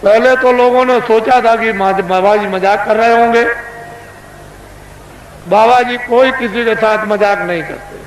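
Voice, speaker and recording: An older man giving a booming, political rally-like sermon, declaiming in rhetorical questions and repeated phrases and demanding answers from his listeners. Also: measured pace. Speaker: religious leader addressing a mass gathering. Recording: echoing, noisy public-address recording from 1980s.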